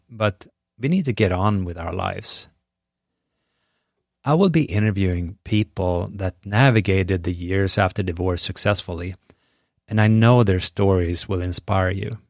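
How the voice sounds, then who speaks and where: A middle-aged Swedish podcast host with a low, deep voice and a Swedish accent reads a scripted monologue. His delivery is earnest, measured and encouraging, recorded close and dry with no room sound.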